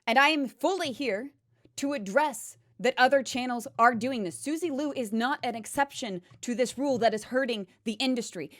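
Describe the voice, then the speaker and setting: A woman video commentator giving an opinion to viewers in an emphatic, explanatory manner. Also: sits high.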